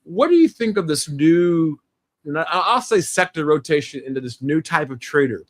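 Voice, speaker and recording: A man hosting a live stream interview, enthusiastic and halting, with many fillers and restarts. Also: fairly high pitch, animated. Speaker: livestream host. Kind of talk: casual interview.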